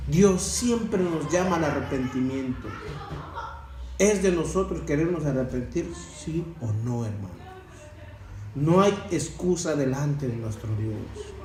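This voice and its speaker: A man's voice: on the high side, lively intonation, a little slow, warm tone, slight background noise. Preachy man, distant and echoey. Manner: preachy, addresses listeners as brothers, frequent rhetorical questions. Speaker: church member giving testimony. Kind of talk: sermon-style testimony. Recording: echoey room from far off with faint ambience.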